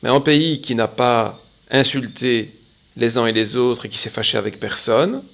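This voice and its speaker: Sex: man. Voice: gravelly, opinionated commentator. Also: medium pitch, fairly bright tone. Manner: measured, opinionated, with frequent pauses. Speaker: political commentator. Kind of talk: spoken commentary monologue.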